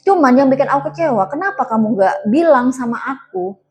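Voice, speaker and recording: A woman voicing a hurt, bitter married woman who fires sharp, reproachful questions. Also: high-pitched, animated, a little fast.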